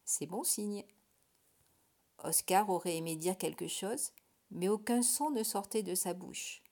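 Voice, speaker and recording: A woman reading a children's storybook aloud with expressive delivery, dropping to a hush in tense moments. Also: on the low side, moderate pace.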